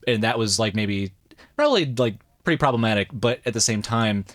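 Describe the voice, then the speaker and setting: A man's voice: fairly low pitch, animated, a little fast, fairly bright tone. A man hosting a casual podcast, trying out words as a learner, self-deprecating and full of "like" fillers. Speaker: podcast host.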